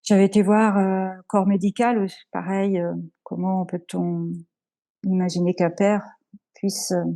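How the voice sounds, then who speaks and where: Earnest woman giving a halting testimony. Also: medium pitch, level tone, mellow. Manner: halting, with many pauses and restarts; earnest, emotional. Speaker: interview guest. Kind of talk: personal testimony.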